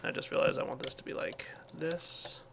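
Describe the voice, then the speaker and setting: Gravelly man narrating his gameplay. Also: on the high side, normal speed, noisy background. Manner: relaxed, thinks aloud with many fillers. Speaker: let's play host. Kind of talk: casual gameplay commentary.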